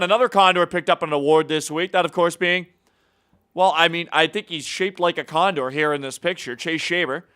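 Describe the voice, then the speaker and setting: A man's voice: fairly high pitch, fairly bright tone, clear, resonant tone. A man hosting a casual hockey news segment, upbeat and teasing his co-host, with plenty of filler words. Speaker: show host. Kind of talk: casual sports news chat.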